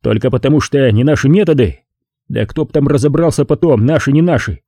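A man voicing a gruff middle-aged male partisan commander who grumbles and gives orders in an audiobook. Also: mid-range voice, a little fast, warm tone, no room sound, studio quality, lightly acted. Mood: gruff commanding.

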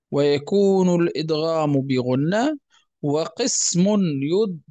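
Patient teacher, dry close sound. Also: male voice, a little high, vocal fry, a little mellow, no room sound. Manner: patient and repetitive, often correcting himself mid-word; asks the listeners questions, then answers them himself. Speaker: Quran recitation teacher. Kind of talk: explanatory lesson on tajweed rules.

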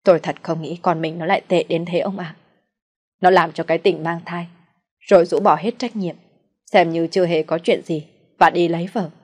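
A woman reading the part of a soft-hearted, worried elderly mother in an audio story, pleading gently. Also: on the low side, steady tone, normal speed, lightly acted. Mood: distressed.

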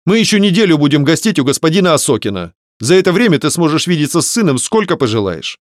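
A man's voice: on the high side, big pitch swings, no echo, clean studio sound, voice pushed up. A male narrator voicing a stern older nobleman father who speaks firmly and with authority, in a raised voice. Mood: stern, resolute. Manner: measured, authoritative.

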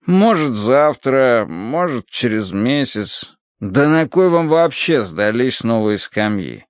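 A surly, unbothered laborer, voiced by a male audiobook reader, drawls his answers slowly and gruffly, with a dismissive edge. The recording is close and dry. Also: medium pitch, very animated, no room sound. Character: surly, indifferent working man.

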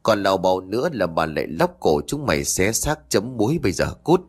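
A man's voice: sits low, sing-song, fairly quick, husky, full character voice. A man doing a cruel screeching matron. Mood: furious. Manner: abusive, shouting insults. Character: cruel shrieking rich matron, middle-aged woman.

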